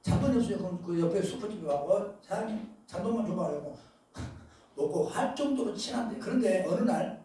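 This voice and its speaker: A male pastor preaching a sermon, emphatic, with loud bursts and asides, often questioning his congregation. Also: high-pitched, lively intonation, moderate pace. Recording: very echoey hall, voice far from mic.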